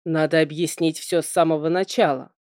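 A woman's voice: sits low, steady tone, a little fast, a little mellow, dry recording, clean studio sound, lightly acted. A woman reading an audiobook, voicing a weary middle-aged king who talks patiently.

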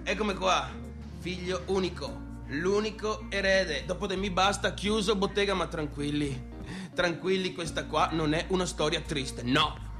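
In a radio drama, an actor plays a brash, unsettled only son who addresses the audience directly in a Venetian, northeastern Italian accent, speaking colloquially and repetitively as he swings between clowning and defensiveness. His male voice sits high and moves a little slowly, teasing, with music in the background.

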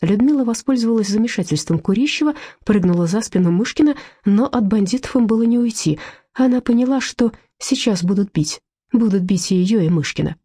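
A woman narrating an audiobook in lively storytelling fashion. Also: medium pitch, brisk, husky, no echo, studio quality. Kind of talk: scripted narration.

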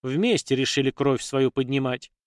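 A man's voice: mid-range voice, moderate pace, no room sound, lightly acted. A weary, blunt warrior woman who leads her band, as a male audiobook narrator puts her on with a lifted voice. She talks plainly in old-fashioned folk speech, dry and close to the mic. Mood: wary.

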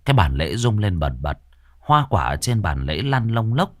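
A man narrating a ghost story with dramatic, expressive delivery. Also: on the low side, moderate pace, dry recording, clean studio sound.

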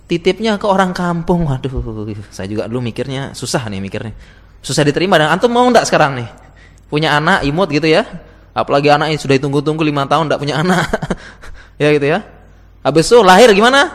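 A man's voice: on the high side, expressive, quick pace. A man giving a chatty lecture to teachers, asking his audience questions and laughing often. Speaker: teacher giving a talk to Islamic school teachers. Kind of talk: casual lecture. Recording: long hall reverb.

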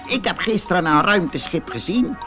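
A man voicing a strange, raspy, cawing bird in a storybook who is greedy for diamonds. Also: high voice, expressive, moderate pace, music in the background, pitched above the performer's own voice. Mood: sly.

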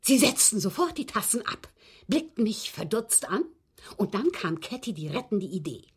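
Playing a well-bred, abused woman who confesses a poisoning to the police, an actress in a German radio drama sounds confiding and intense. She speaks deliberately and emphatically in a husky, breathy, medium-pitched voice with big pitch swings.

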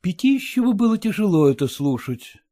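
A man reading the narration of an audiobook in a low, calm, even voice. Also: normal speed. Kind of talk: scripted narration.

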